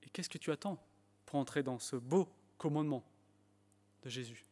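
A man's voice: mid-range voice, moderate pace, darkish tone. A man preaching a sermon in French with an English accent, emphatic at times and restarting his phrases with fillers. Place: church hall. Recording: long church hall reverb.

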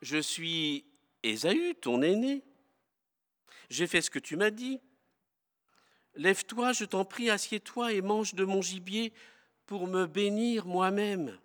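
A man's voice: high-pitched, expressive, slow, long pauses, a bit bright, pitched above the performer's own voice, full character voice. A man reading the lines of young Jacob, an anxious and pleading son, in a raised, earnest voice. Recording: long hall reverb.

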